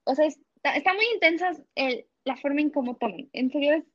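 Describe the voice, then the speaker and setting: A young woman with a Mexican Spanish accent appears as a guest in a casual interview, telling animated stories, acting out the dialogue and laughing often. Her voice is high and fairly quick, and the audio is dull with no room sound.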